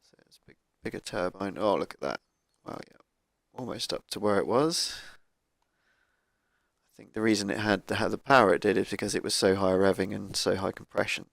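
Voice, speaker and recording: Man, low and gravelly with a croaky cold, casual gaming commentary, dry cheap mic. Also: brisk, a bit bright, no room sound. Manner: thinking aloud, laid-back, with fillers. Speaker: gaming YouTuber. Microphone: cheap microphone.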